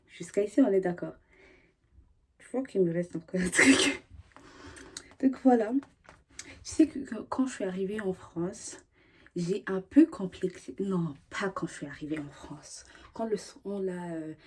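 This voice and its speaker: A woman's voice: medium pitch, darkish tone, breathy edge. A young woman from Burundi chatting to the camera in a slangy way, full of fillers and restarts. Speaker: vlogger. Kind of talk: casual chat to camera.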